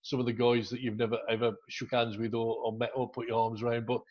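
A man's voice: medium pitch, little pitch movement, quick pace, dull audio. A middle-aged man, a pastor hosting a church interview over a video call with an earphone headset, affirming and encouraging. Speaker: pastor and host. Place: room at home, indoors.

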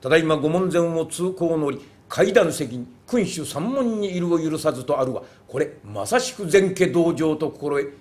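A pompous wandering monk declaims in slow, stiff, archaic phrasing, as a rakugo teller puts him on. The voice is a touch high for a man. It is a comic stage story. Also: lively intonation, darkish tone, natural voice. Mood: solemn. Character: pompous wandering male Zen monk, formal.

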